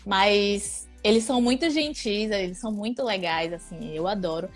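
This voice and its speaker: A woman's voice: mid-range voice, normal speed, faint music behind. A young woman from Brazil with a Bahian accent, chatting casually as an interview guest and laughing often. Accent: Bahian Portuguese.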